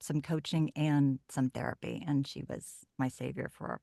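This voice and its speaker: A middle-aged woman from Oklahoma, a voiceover artist telling her story in a casual podcast chat, lively with animated asides. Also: a bass voice, moderate pace, gravelly, no echo, studio quality.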